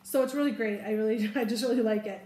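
A woman in her forties chats warmly and a bit ramblingly, showing off her shopping haul to a camera across the table. Her voice sits a little high and moves fast, and the indoor room where she sits adds echo.

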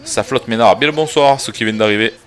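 A man's voice: mid-range voice, fast talker, a bit bright. A man streaming a video game live, chatting casually, swearing now and then and greeting viewers as he plays. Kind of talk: casual live gameplay commentary.

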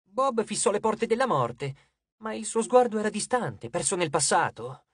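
A man reading an audiobook chapter aloud in even, clear scripted narration. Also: high-pitched, moderate pace, no room sound, clean studio sound.

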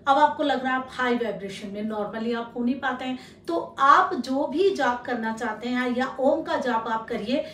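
High-voiced woman giving spiritual advice. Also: normal speed, few pauses, distant mic, slight background noise. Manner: calm, advising, addresses the listener directly. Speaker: spiritual teacher and healer. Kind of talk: instructional talk to camera. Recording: echoey room, voice a little off-mic.

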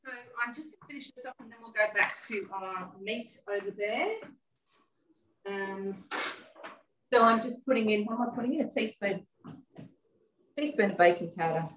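A woman chats while working through a live cooking demonstration in a kitchen, her mid-range, slightly bright voice moving at a normal speed with frequent pauses. The recording sounds roomy and dull, picked up from a distance, with slight background noise.

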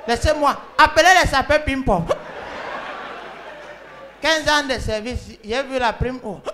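A woman with a Cameroonian French accent playing an excitable, scolding female emergency call operator in a comedy sketch, talking to callers on the phone. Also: high voice, unhurried, background noise. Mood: bossy. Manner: scolding, excitable, often laughing and shouting. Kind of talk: comic sketch, one side of phone calls.

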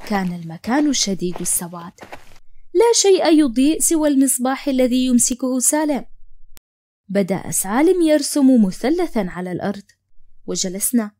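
Higher-voiced woman narrating a story. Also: big pitch swings, normal speed, warm tone.

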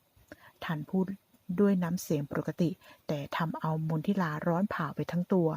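A woman's voice: lowish voice, fairly even intonation, moderate pace, dark tone, husky, no echo. A woman narrating a drama story and reading all the characters' lines herself. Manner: reads every character's lines herself, with only small voice changes.

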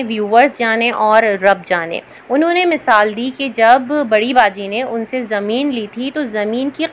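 A woman giving chatty, opinionated commentary in a reaction vlog, often pausing on hesitant fillers. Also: on the high side, fairly bright tone, slight background noise.

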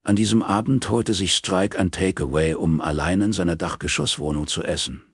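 A man reading a crime novel aloud in calm, measured scripted narration. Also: sits low, husky, dry recording, clean studio sound. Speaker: audiobook reader.

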